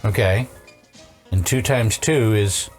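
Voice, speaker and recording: A vintage audio repair technician chats casually as he works, thinking aloud, asking questions, and dryly teasing in a hands-on, bantering repair session. His voice is fairly low and his pace slow, with faint music behind him.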